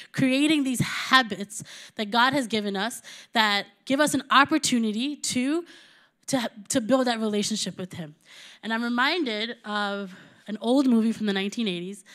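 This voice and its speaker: A woman's voice: fairly high pitch, a bit bright. Woman preaching a casual sermon. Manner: conversational, building to emphatic.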